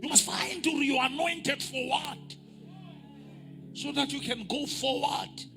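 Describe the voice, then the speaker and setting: A bishop preaching a sermon at a pulpit microphone, moving between calm teaching and loud, shouted climaxes. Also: male voice, extremely high pitch, unhurried, vocal fry. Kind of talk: sermon, mixing English and Sesotho. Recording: music playing behind.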